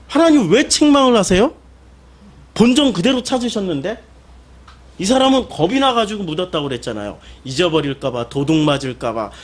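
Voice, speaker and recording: A male pastor preaching a sermon, firing rhetorical questions at the congregation and answering them himself, with sudden emphatic exclamations. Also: high-pitched.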